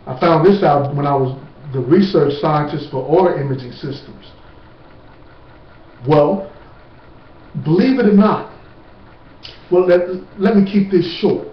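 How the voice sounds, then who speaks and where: A man giving an informal lecture to camera, slow and emphatic, with blunt street-talk asides. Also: fairly high pitch. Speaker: speaker on natural remedies. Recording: distant, roomy, dull with faint hiss.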